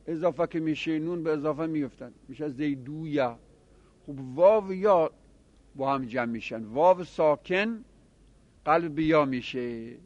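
A man teaching a grammar class, explaining rules step by step and quizzing his students with quick questions. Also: fairly high pitch, highs cut off.

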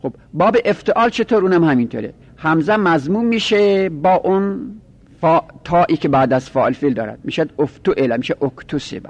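Methodical male teacher, fairly high voice. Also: animated, dull audio. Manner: methodical, repeats each rule. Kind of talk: lecturing on Arabic grammar.

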